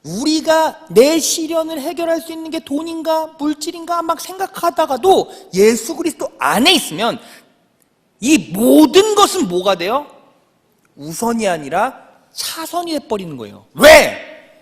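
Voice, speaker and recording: A man's voice: very high voice, very animated, unhurried. A young adult male pastor preaching a sermon, telling a family story and putting questions to the congregation. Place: church sanctuary. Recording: church sanctuary reverb.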